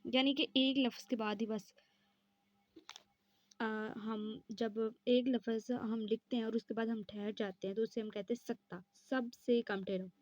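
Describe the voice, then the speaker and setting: A woman's voice: a little high, fairly even intonation, measured pace, no room sound, highs cut off. A woman teaching an exam-prep lesson, explaining step by step and answering her own questions.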